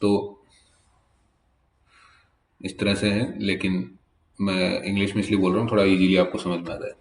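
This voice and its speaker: A man teaching a German vocabulary lesson in at a whiteboard, slowly spelling out each word letter by letter. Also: low-pitched, flat delivery, reverberant. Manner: slow, spells words letter by letter. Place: classroom with whiteboard.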